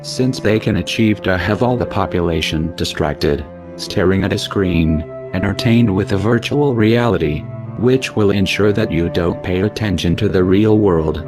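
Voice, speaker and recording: A man narrating a scripted warning message in a grave, ominous tone through a disguised, pitch-lowered voice, speaking straight to the listener. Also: normal speed. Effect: disguised, pitch-lowered deep voice. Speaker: anonymous narrator. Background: music.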